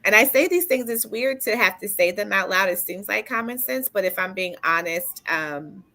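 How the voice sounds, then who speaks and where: A woman's voice: mid-range voice, lively intonation, normal speed, bright, forceful tone. A middle-aged woman speaking as a panel guest in a casual discussion, earnest and chatty, often laughing lightly between points.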